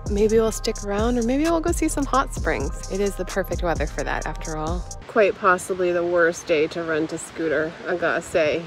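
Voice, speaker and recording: A woman's voice: on the low side, expressive, normal speed, hardly any pauses, loud music behind the voice. Female travel vlogger, thirties, casual chat into a handheld phone. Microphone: phone at arm's length.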